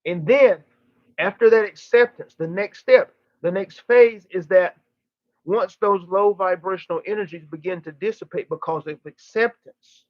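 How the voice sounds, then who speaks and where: Delivering channeled teaching like a seance medium in a live session, a high-voiced man uses formal, oratorical phrasing, repeating himself and pausing deliberately for emphasis. The dull, dry recording has little room sound and no echo.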